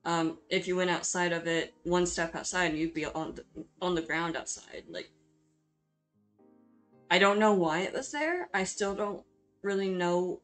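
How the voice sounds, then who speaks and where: A woman with a slightly low voice narrates her video in an informal, chatty style. She is hesitant and self-deprecating, often apologetic in the way she talks. Music plays behind her voice. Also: unhurried. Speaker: video creator hosting a drawing speedpaint. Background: background music.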